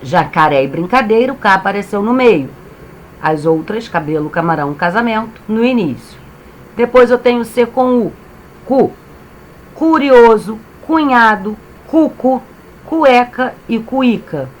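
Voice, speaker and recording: A woman teacher with a Brazilian accent, giving a reading lesson to young children and sounding out syllables clearly. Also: on the high side, lively intonation, unhurried, slight background noise. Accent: Brazilian Portuguese. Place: home, reading from a computer.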